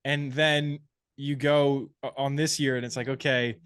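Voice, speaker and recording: A man co-hosting a tennis podcast, giving measured opinions and restarting phrases as he thinks aloud. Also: mid-range voice, little pitch movement, a bit bright, clear, resonant tone, no echo, studio quality. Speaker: podcast co-host. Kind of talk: casual sports chat.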